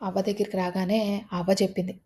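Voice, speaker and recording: A woman telling a folk tale, retelling it in a lively way and putting on voices for the characters. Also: mid-range voice, fast, breathy edge. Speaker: storyteller.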